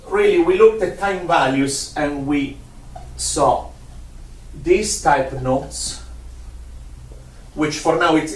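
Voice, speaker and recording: A man teaching a one-on-one music lesson, patient, repeating himself and counting out rhythms. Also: a little high. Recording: roomy sound from a distant mic.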